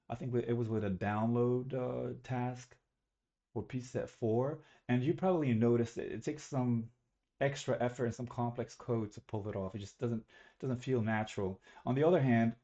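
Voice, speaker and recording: Speaking into a webcam for a recorded class presentation, a young man from Algeria keeps things informal, wanders a little and fixes his own mistakes along the way. His voice is mid-range and mellow, with the highs cut off.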